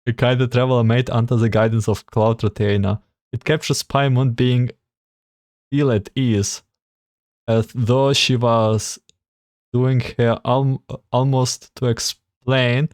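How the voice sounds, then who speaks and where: A game streamer giving casual playthrough commentary and reading text aloud, a little haltingly. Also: mid-range voice, fairly even intonation, a little mellow, dry recording.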